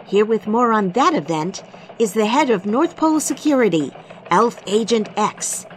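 Lively, earnest Christmas elf newsreader played by a woman. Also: medium pitch, moderate pace, a little hiss or hum, close to an everyday voice. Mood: earnest, newsy. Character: female Christmas elf radio news anchor, earnest and brisk. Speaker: news anchor. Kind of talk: scripted mock radio newscast.

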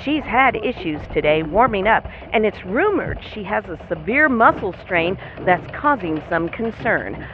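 A serious Christmas elf field reporter acted by a woman, heard over a thin phone-like line with clear noise. Her voice is animated as she gives an urgent radio news report. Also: mid-range voice, measured pace, few pauses. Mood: urgent, concerned.

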